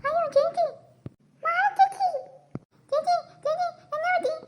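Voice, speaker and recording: Cartoon little sister voiced by a woman, caring, excitable, squeaky, fussing, very high. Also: measured pace. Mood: worried. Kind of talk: Malayalam cartoon dubbing.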